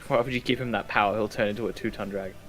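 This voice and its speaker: A man joking excitedly in a casual live-stream chat. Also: lowish voice, racing, faint music behind.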